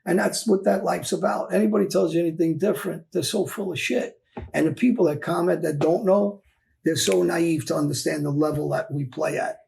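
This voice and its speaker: A man's voice: fairly high pitch, fairly even intonation, a little fast, gravelly, darkish tone, a little hiss or hum. A man, a former mob figure, telling his story candidly in an interview, blunt and emphatic, often repeating his phrases. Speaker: former mob enforcer guest.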